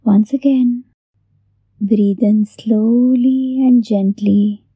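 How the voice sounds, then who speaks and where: A woman hosting a guided meditation in a soft, breathy near-whisper, gently giving unhurried instructions with long pauses. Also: a little high, steady tone, no echo, phone-quality sound. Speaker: meditation host.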